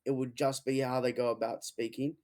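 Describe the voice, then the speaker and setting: A man's voice: medium pitch, level tone, a little fast, darkish tone. A man co-hosting a podcast in casual chat, hesitant and full of fillers. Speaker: podcast co-host.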